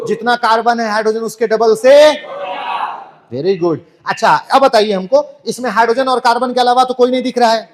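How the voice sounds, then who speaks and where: A man teaching chemistry in an online class, playful and joking, firing rhetorical questions at students. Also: very high voice.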